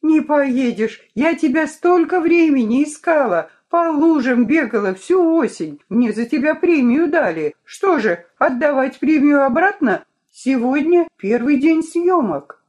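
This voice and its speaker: Storybook: woman voicing a bossy young woman, loud and commanding. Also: sits high, big pitch swings, voice pushed up, full character voice. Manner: brisk, scolding, commanding.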